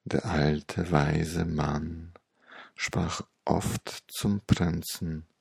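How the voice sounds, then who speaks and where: A man guiding a meditation story in a hypnotic, soothing, old-sage manner with long pauses and a gravelly, breathy voice. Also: very deep voice, fairly even intonation, a little mellow, no room sound, studio quality.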